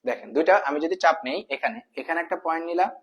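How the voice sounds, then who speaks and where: A man with a rather high voice teaches math at a very fast clip, speaking casually. He repeats every term, fires questions at the viewer, and calls them brother, in the role of a math tutor.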